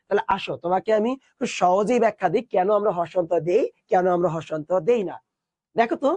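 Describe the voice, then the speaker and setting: A man's voice: high voice, a little mellow, dry recording. A young man teaching an online class, explaining step by step and asking his students questions.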